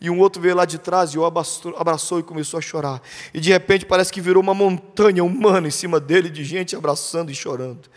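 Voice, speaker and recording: High-voiced Brazilian pastor preaching with passion. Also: male voice, fairly even intonation, fast talker. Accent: Brazilian Portuguese. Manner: impassioned, emphatic preaching that addresses the congregation directly. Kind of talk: sermon. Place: church sanctuary. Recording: long church hall reverb.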